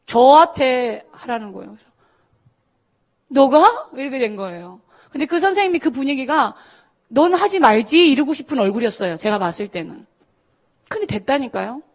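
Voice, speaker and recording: A middle-aged woman pastor preaches to a youth service, telling her own story with lively swings of pitch. Her voice sits fairly high, and she jumps into the voices of the people in her story as she goes. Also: a little fast. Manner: animated storytelling, acting out quoted voices. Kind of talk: sermon testimony to students. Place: church service.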